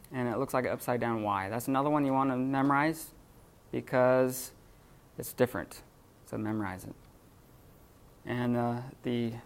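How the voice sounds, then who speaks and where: A man teaching a classroom lesson off the cuff, halting with many fillers and restarts. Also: medium pitch. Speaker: Greek teacher.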